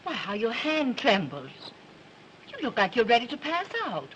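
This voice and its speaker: A kindly, motherly neighborhood house worker in an early 1930s talkie film. She talks with a bright voice that rises and falls a lot, soothing and fussing over a visitor. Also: fairly high pitch, sing-song, moderate pace, lo-fi sound, slight background noise. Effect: early 1930s talkie film sound.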